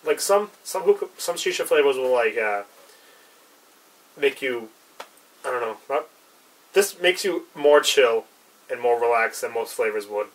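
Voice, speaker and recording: A young man with a medium-pitched, lively voice chats casually in an unscripted review, speaking unhurriedly and pausing often. He sounds laid-back and a bit hesitant, trailing off. He's in a small, cluttered indoor room with a brick wall, recorded on a distant mic with clear background noise.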